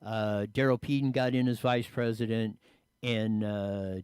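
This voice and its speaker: A man's voice: fairly low pitch, steady tone, measured pace, darkish tone, clear, resonant tone, no room sound, studio quality. Folksy man with a hillbilly twang. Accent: Appalachian-style hillbilly twang. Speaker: local commentator and public speaker. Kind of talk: unscripted talk on local government.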